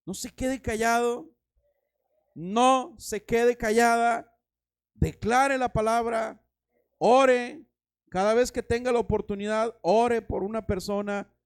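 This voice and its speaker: A man's voice: very high-pitched, fairly even intonation, takes it slowly, smooth. A man preaching a sermon as pastor, dramatic, acting out voices and stories.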